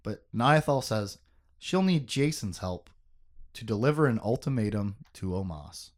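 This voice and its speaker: A man's voice: fairly low pitch, big pitch swings, a little slow. A man hosting a podcast, recapping a book in casual chat, joking, laughing often and swearing.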